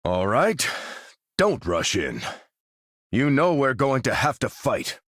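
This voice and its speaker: Captain America, a dynamic commanding soldier. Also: male voice, medium pitch, big pitch swings, takes it slowly, fairly bright tone, no echo, clean studio sound, exaggerated voice. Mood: grave, firm. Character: dutiful, resolute male soldier commanding a superhero team. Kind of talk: video game character voice lines.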